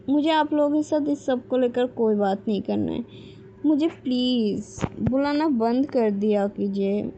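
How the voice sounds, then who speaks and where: A woman voicing a cold, defiant young daughter who talks bluntly and dismissively. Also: dark tone. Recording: dull low-fidelity mic with faint background noise.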